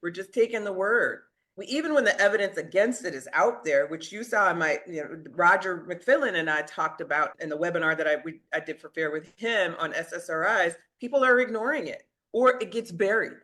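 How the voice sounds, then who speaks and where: Speaking fairly quickly with hardly any pauses, this earnest middle-aged physician tells her story as an interview guest. Her voice sits fairly low, her tone stays steady and conversational, and she laughs briefly at her own daring.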